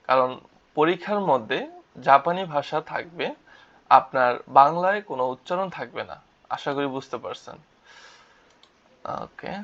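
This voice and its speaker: A man's voice: on the high side, fairly bright tone. A man teaching vocabulary in a lesson, spelling out syllables and asking and answering his own questions. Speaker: Japanese language teacher. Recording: dull lo-fi recording.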